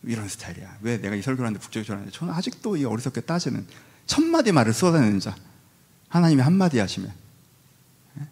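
A man preaching a sermon in a lively, conversational way, asking the congregation rhetorical questions and acting out quotes. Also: mid-range voice, fast talker. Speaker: pastor.

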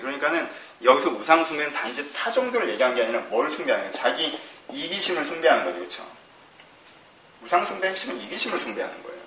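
A man's voice: medium pitch, bright, forceful tone. A man giving a casual Bible teaching talk who keeps asking rhetorical questions and then answering them himself. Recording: roomy and distant, faint noise.

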